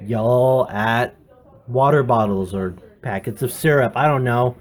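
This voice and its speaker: A man's voice: medium pitch, unhurried. A man, an executive producer, delivering a playful mock lecture in comic banter.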